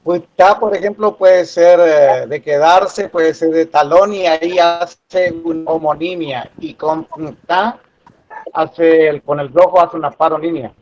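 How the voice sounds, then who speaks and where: Male student, slow and deliberate, muffled lo-fi audio. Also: on the high side, steady tone, darkish tone. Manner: slow, thoughtful, offers examples.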